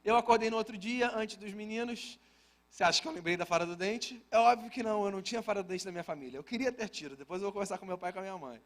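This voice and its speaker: A man's voice: sits high, rapid-fire, a bit bright. A man with a Brazilian Portuguese accent preaching a sermon at a church service, telling a family story in a conversational style with humorous asides to the congregation. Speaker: pastor.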